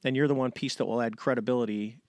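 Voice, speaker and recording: Animated man telling a story, dry sound. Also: mid-range voice, fast talker, dry recording. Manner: animated storyteller, acts out quoted dialogue. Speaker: interview guest, retired navy fighter pilot. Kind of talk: casual storytelling interview.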